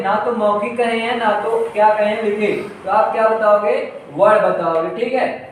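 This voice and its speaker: A man with a high voice teaches an exam-prep grammar lesson, repeating key words slowly and answering his own questions. He sounds set back from the mic in a very echoey room. A faint hiss sits under his voice. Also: recorded from a distance.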